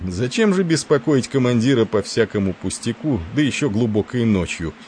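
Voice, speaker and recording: A man's voice: sits low, animated, normal speed, a little mellow, slight background noise. Man doing an Irish-accented joking ship's doctor. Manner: rough, familiar joking. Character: genial wisecracking male ship's doctor.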